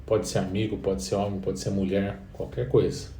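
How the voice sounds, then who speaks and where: A man with a Brazilian Portuguese accent teaching an English lesson, patiently repeating each phrase slowly for the learner. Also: sits low, level tone, warm tone, slight background noise. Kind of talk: online language lesson. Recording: roomy echo, distant from the mic.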